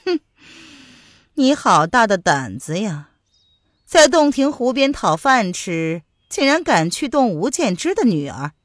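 A woman's voice: on the high side, very animated, unhurried, no room sound, studio quality. A woman voicing a haughty fairy envoy, a man in disguise, who sneers and gives orders. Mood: scornful. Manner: scornful, commanding, sneering.

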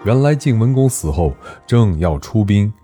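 A man's voice: lowish voice, very animated, moderate pace, warm tone, soft background music. A man telling an ancient history story, narrating with animation and voicing every character.

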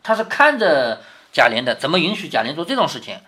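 Man reading aloud with lively commentary. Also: a little high, quick pace. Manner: explains and asks rhetorical questions. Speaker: father reading to his daughter.

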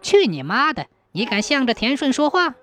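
A woman's voice: sits high, very animated, moderate pace, soft background music, voice pushed up. A woman voicing a sly, lecherous and cruel village man who snickers and bellows threats in a storybook tale. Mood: angry. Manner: leering snicker, shouting threats.

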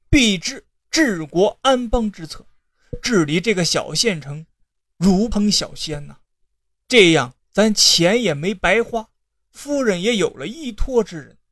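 A storyteller voicing a scheming old male secretary who pleads and persuades in a lowered, tearful voice. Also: a bit bright, no room sound, studio quality. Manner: persuasive, tearful, sudden outbursts. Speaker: con man posing as secretary.

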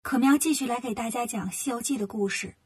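A woman narrates a children's storybook in a soft, airy voice pitched a little high. She moves along in an animated way and acts out the characters as she goes. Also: fast, slightly rough, far from the mic.

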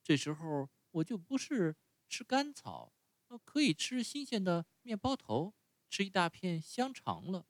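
A man voicing a sorry puppet boy turned donkey, wailing and groaning, then sighing softly to himself. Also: on the high side, very animated, measured pace, no room sound. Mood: resigned. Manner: wailing and groaning, soft sighs when alone.

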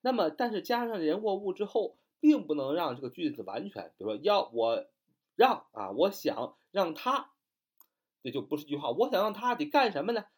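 Man, grammar teacher, lively up-and-down pitch, slow spelled-out examples. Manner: explains in Chinese, reads English examples slowly and spells words letter by letter. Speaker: English teacher. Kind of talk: spoken grammar lesson.

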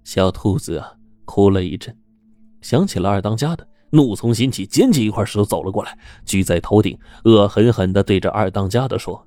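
A man narrating a serialized story in a steady, dramatic storytelling manner. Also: on the low side, a little fast, no echo.

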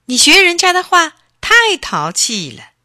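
A woman voicing a mountain echo heard as an unseen boy, repeating lines loudly in a high voice. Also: huge pitch swings, a little slow, studio quality, exaggerated voice. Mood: mimicking.

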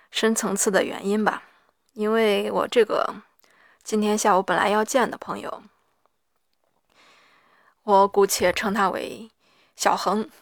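Female diarist, gravelly and hoarse, very slow and reflective, pausing mid-thought, mid-pitched. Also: fairly bright tone, no echo, studio quality. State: hoarse after an hour of reading aloud. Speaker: solo audio diarist. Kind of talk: personal audio diary, reflective monologue.

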